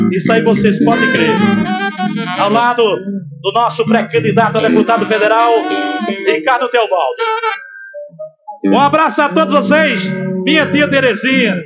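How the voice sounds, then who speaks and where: A man from Pernambuco, Brazil, working as a festival announcer on an outdoor stage at night, calling out loudly to the crowd through a handheld mic. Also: very high voice. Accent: Pernambuco Portuguese. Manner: loud, crowd-rousing, shouted calls. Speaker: event announcer and local broadcaster. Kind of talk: festival MC hype. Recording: muffled lo-fi audio with music and crowd.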